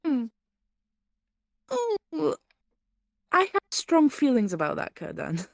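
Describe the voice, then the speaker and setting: A woman's voice: on the high side, vocal fry, no room sound, studio quality. A woman player chatting casually and joking at a tabletop game. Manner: slow, joking, animated.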